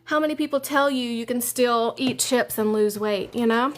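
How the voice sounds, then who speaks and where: Over slight background noise, a woman hosting a live stream chats cheerfully with viewers as she has lunch. Her voice runs somewhat high at a moderate pace, keeping the talk casual.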